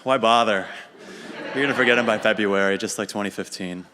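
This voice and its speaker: A young American man telling a dry, deadpan comic story about himself on a radio show. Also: fairly low pitch, fairly quick, noisy background. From United States. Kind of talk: humorous personal monologue. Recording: reverberant hall.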